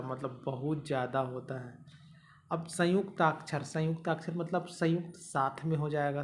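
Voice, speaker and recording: A young man teaching an exam-prep grammar lesson, explaining step by step and checking back his students. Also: on the high side.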